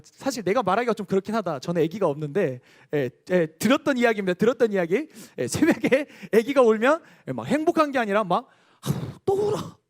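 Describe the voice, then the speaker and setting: Animated young male youth pastor. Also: high voice. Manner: lively storytelling, quizzing the congregation. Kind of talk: youth sermon.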